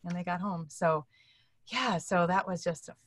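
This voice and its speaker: In a relaxed interview over video, a middle-aged woman on a couch indoors shares stories earnestly and with animation, performing people's words as she quotes them. Her lowish voice is fairly bright and moves at a moderate pace, captured in studio quality with no echo.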